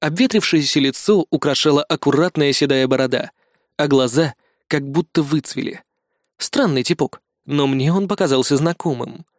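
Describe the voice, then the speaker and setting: A male reader narrating first-person fiction in a measured, descriptive way, on a close studio mic. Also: fairly high pitch, no echo. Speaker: audiobook reader.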